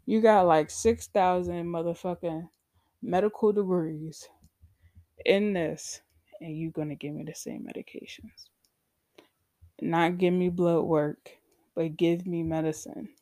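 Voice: medium pitch, fairly even intonation, measured pace, warm tone, no echo, studio quality. Podcast host, solo rant: blunt, heavily profane, sarcastic asides to the audience, mid-range voice. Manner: blunt, profane storytelling that acts out past conversations; sarcastic, addresses listeners directly.

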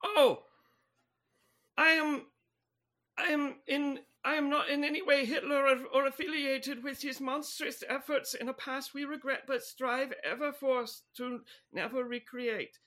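A woman voicing an excitable male cat with a put-on German accent, flustered and shouting, mixing in German words. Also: high-pitched, measured pace.

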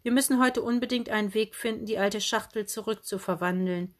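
A woman's voice: mid-range voice, a little fast, natural voice. A woman reading an audiobook and voicing a weary, sarcastic boy with a dry delivery. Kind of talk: audiobook character voice.

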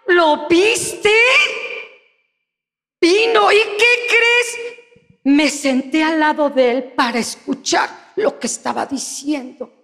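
A woman's voice: sits high, vocal fry, full character voice. Woman doing a smug gossiping churchgoer. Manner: smug, confiding, chattering. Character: gossipy self-righteous churchgoer. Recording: echoey church hall.

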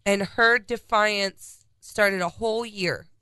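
A woman's voice: mid-range voice, fairly even intonation, slow, pushed and bright, smooth, no echo. A congested woman co-hosting a casual podcast, reading out a timeline of historical dates. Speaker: podcast co-host.

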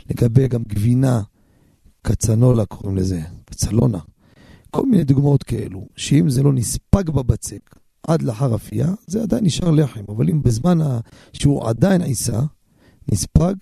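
A man hosts a call-in radio show as a rabbi, preaching and telling stories with emphasis. His voice is gravelly and dark, a little husky. It sounds dry and close on a studio microphone. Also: mid-range voice, no echo. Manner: emphatic storytelling. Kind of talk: radio sermon and call-in answers.

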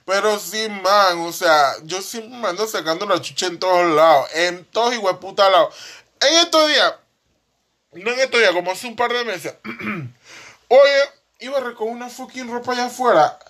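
A young man with a high voice hosts a podcast alone and tells stories about his own mishaps. He is animated and profane, mocks himself freely and keeps breaking into laughter as he goes. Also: moderate pace. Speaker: podcast host. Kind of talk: comic storytelling monologue.

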